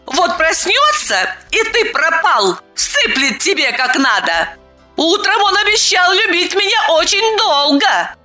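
A woman's voice: very high voice, sing-song, slow pace, faint music behind, pitched above the performer's own voice, exaggerated voice. Shrieking haughty young woman. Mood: indignant. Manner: squealing, shouting, scolding. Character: shrill, excitable young woman, haughty and breathless.

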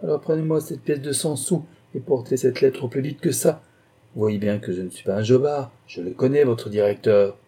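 A man voicing a gruff, stingy provincial gentleman in an audiobook, grumbling and blunt. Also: medium pitch, normal speed, voice pushed up, close to an everyday voice.

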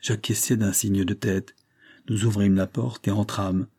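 Man, audiobook narrator, detective story, measured reading, dark mellow voice, husky. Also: fairly low pitch, little pitch movement.

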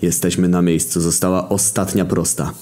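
Deep-voiced man telling a crude comic story. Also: flat delivery, normal speed, a little mellow. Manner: crude, mocking, switches into character voices. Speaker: narrator.

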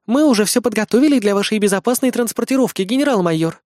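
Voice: mid-range voice, expressive, fast, darkish tone, no room sound, studio quality, voice pushed up, lightly acted. A reader voicing a playful young female lieutenant who teases her partner and the idol. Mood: teasing. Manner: playful, teasing. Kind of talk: audiobook character voice.

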